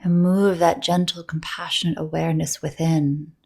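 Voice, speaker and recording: A woman guiding a yoga nidra meditation keeps a level tone in a low register. Her speech is soft, breathy, and soothing, with long pauses left between phrases.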